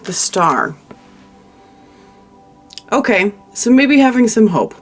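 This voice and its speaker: Tarot reader, mid pitch, consoling and emotional, thinks aloud with restarts, soft music behind. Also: big pitch swings, slow. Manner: frequent restarts and trailing-off phrases. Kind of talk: monthly tarot reading, talking to the viewer.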